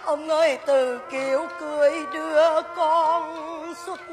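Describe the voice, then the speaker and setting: A woman's voice: sits high, level tone, takes it slowly, over music. A woman plays a poor old mother in a folk opera, tearful and pleading, who slips into sung laments for her absent daughter. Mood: lamenting. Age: older. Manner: tearful, pleading, breaks into song.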